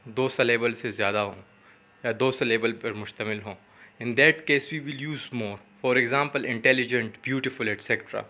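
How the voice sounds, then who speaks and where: In a classroom grammar lecture, a man with a Pakistani English accent explains each point slowly in English, then repeats it in Urdu. His mid-range voice sounds pushed and bright.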